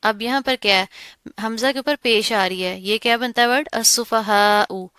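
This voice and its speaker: A woman teaching a Quran recitation lesson, explaining each rule step by step and repeating words slowly. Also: on the high side, pushed and bright, clean tone, no room sound, clean studio sound. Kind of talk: tajweed lesson.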